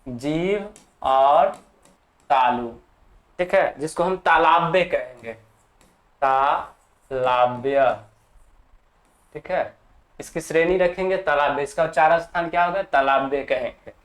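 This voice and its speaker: A teacher leads a grammar lesson for exam students, speaking slowly and deliberately as she dictates notes. The voice is medium-pitched and a bit bright, repeating key terms and frequently checking in with the class.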